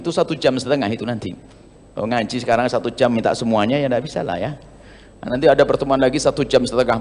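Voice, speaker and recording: A male preacher, giving a sermon to a gathering, swinging between loud emphasis and hushed asides. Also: medium pitch. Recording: long hall reverb.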